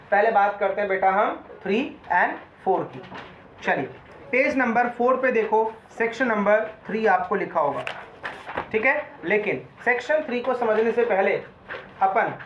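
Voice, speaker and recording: Quizzing his class often and addressing them as "beta," a male law lecturer teaches in Hindi laced with English terms. His voice is high-pitched. The recording carries a little hiss or hum, in an echoey room with dull lo-fi sound.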